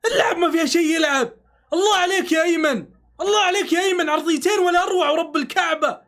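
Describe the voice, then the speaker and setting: A man reacts live to a football match in a very high voice. He swears oaths, begs the players to score and argues with the referee as he goes. It is an excitable, emotional fan reaction. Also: racing, vocal fry.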